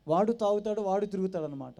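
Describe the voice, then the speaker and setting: A man giving his personal testimony at a church gathering, telling his story with animated storytelling and acting out the voices of the people in it. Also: high-pitched, fast, lo-fi sound. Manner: animated storytelling that acts out quoted dialogue. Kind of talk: personal testimony told to a congregation.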